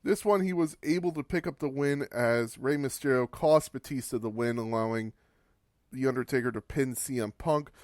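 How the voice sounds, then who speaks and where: Man, podcast host, casual wry recap, mid-pitched voice, dry close sound. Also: moderate pace, dry recording. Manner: casual, wry, swearing for humor.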